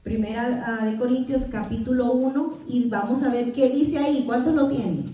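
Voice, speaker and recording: A Salvadoran woman teaches a Bible class in a church hall, recorded from far off with echo. Her voice is a little high yet dark, steady and at normal speed, and she quizzes her listeners, who answer with amen.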